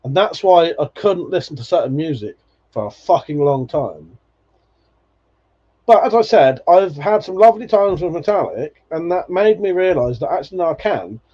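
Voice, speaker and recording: On a stream with dull, lo-fi sound, a man in his 40s reminisces in a relaxed way and reads out comments from viewers, cursing freely and laughing a lot. His voice is fairly high and warm, with lively intonation and a moderate pace.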